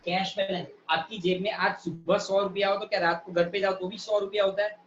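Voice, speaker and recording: A male teacher giving a live online class, repeating definitions slowly and quizzing students by name. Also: high-pitched, flat delivery, a bit bright, a little hiss or hum. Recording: echoey, distant, dull sound.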